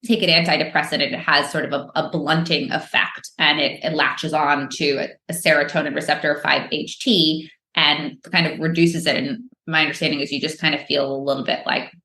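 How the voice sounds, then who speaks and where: On a podcast with a roomy echo, a microdosing entrepreneur from the United States gives casual interview answers full of fillers and restarts. Her deep, sharp voice shows little pitch movement and moves fairly quickly, with hardly any pauses.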